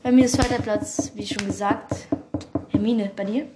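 A woman's voice: medium pitch, steady tone, normal speed, darkish tone, slight background noise. A young woman chatting casually, giggling and playfully repeating words. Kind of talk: casual chat.

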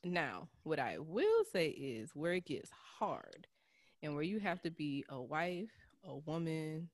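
A woman's voice: low voice, big pitch swings, slow pace, dry recording, studio quality. A woman co-hosting a casual podcast chat, supportive and reflective, often affirming her partner. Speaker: podcast co-host.

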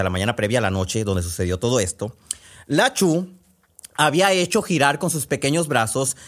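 A man from Sonora, telling a story in a conversational, meandering way. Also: a little high. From Sonora, Mexico. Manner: conversational with frequent fillers and restarts. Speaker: podcast storyteller. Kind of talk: oral storytelling.

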